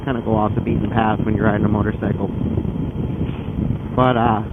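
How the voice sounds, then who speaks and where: A man's voice: on the low side, level tone, fairly quick. A man talking casually and a bit ramblingly, explaining things in a motorcycle vlog recorded outdoors on the bike. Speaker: motorcycle vlogger. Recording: phone-like band, loud wind and engine noise. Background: loud vehicle and outdoor noise.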